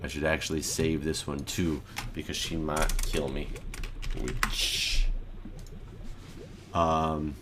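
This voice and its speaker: A man's voice: extremely low pitch, level tone, moderate pace, very noisy. A man casually commenting as he plays through an adventure game, thinking aloud. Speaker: gameplay commentator. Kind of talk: casual let's-play commentary.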